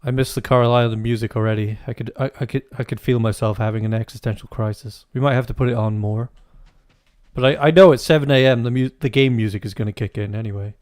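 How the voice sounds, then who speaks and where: A man's voice: mid-range voice, fairly even intonation, fast talker, a little mellow, dry recording, clean studio sound. A man giving casual, crude, joking commentary while playing a farming game, rambling and often restarting his sentences. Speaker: gaming video host. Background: faint game music.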